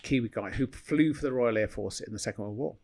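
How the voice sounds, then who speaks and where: A man's voice: mid-range voice, fast, vocal fry, darkish tone. A man, a former pilot, telling rambling anecdotes in a casual podcast chat.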